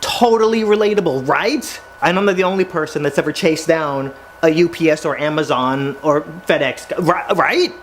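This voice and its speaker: A man telling comedic stories in an animated, exaggerated way, speaking straight to the viewers. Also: a little high, normal speed, few pauses, a little hiss or hum. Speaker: comedian storyteller. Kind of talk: comedic storytelling monologue.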